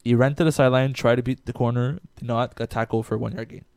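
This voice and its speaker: A man's voice: medium pitch, fairly even intonation, fast, gravelly, a little mellow, no echo, clean studio sound. A man in a casual sports chat, rambling through a game story with restarts and casual swearing. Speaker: podcast co-host.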